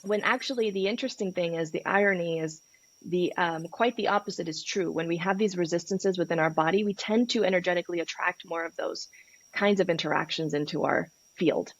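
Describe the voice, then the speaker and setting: A Peruvian woman who coaches people on sex and relationships speaks as a podcast guest, candid and passionate, swearing freely. Her voice sits on the low side and moves a little fast, and the audio sounds dull.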